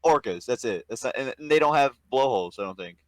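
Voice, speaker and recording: A man's voice: medium pitch, animated, quick pace, no room sound. Laid-back sarcastic young man, dry close sound. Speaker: podcast co-host. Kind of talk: casual chat.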